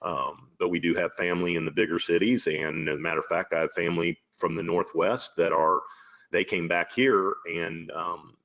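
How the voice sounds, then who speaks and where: A man with a very deep voice hosts a casual chat. He talks in an affirming, rambling way with fillers, and his voice comes through a dull, muffled video call. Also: steady tone, normal speed, creaky, a bit bright.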